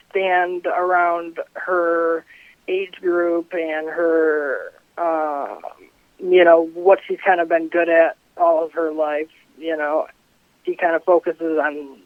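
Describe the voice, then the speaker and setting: A man in his twenties comes through a thin phone line, his voice sitting a little high. He rambles loosely with many fillers, and the sound is dry. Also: no echo. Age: 20s. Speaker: company co-founder. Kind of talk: interview.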